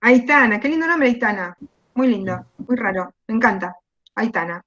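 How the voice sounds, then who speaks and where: A woman's voice: fairly high pitch, expressive, normal speed, fairly bright tone. A woman teacher with an Argentine Spanish accent giving an online class, asking questions and repeating key words. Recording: dull lo-fi video call audio.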